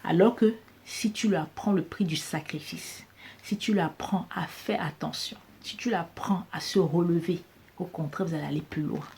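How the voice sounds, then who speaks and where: A woman with a deep, low voice gives business advice straight to her audience. She hammers her points home by repeating phrases. Her tone stays familiar and direct. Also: normal speed, creaky, a little mellow. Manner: emphatic, repeats phrases, addresses viewer as tu. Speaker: business coach. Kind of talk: direct-to-camera advice talk.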